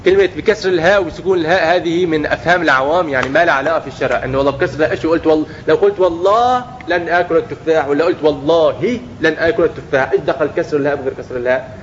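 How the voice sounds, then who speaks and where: A man's voice: a little high, very fast, lo-fi sound, slight background noise. A man preaching a religious lesson to young people, often asking questions and answering them himself. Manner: acts out everyday speech in quotes.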